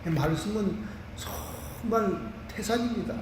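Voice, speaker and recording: A high-voiced Korean man preaching an animated sermon, caught by a mic set back from him. His voice rings through a roomy church hall with a long tail of reverb and a faint hiss underneath. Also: a little slow, recorded from a distance. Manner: animated preaching with vivid everyday examples. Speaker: pastor. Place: church sanctuary.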